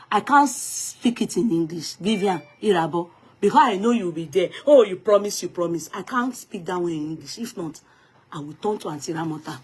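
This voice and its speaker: Husky Nigerian woman vlogger. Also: fairly low pitch. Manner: emphatic, mixes English with pidgin and Yoruba phrases. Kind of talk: gossip commentary vlog.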